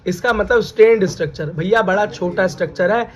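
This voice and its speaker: High-voiced Hindi-speaking biology teacher. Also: male voice, fairly quick. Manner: repeats key terms as questions, calls students "beta". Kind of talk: classroom lecture.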